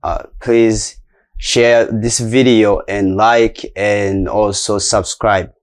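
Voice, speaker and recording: Hesitant low-voiced male host. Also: level tone, slow pace. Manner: hesitant, many filler sounds. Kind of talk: casual interview hosting.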